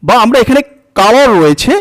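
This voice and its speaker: A man with a Bangladeshi Bengali accent giving a software tutorial, explaining step by step and often repeating himself. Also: very high-pitched, sing-song, brisk. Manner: repetitive, stepwise explaining with frequent "look here". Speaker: tutorial instructor. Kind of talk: screen-recorded software tutorial.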